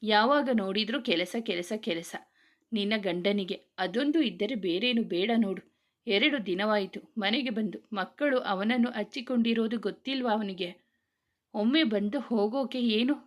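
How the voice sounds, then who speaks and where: A woman's voice: medium pitch, moderate pace, close to an everyday voice. A woman voicing an older mother-in-law who scolds and complains about her son always working. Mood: scolding.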